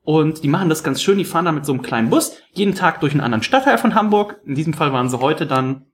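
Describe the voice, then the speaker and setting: A man hosts a casual podcast chat in a slightly high voice. His pitch swings widely as he tells rambling, animated stories. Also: fast. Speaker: podcast host.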